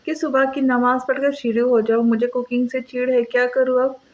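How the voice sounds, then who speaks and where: A woman's voice: sits high, level tone, moderate pace, lo-fi sound, natural voice. A female narrator voicing a playful, teasing young woman. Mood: grumbling.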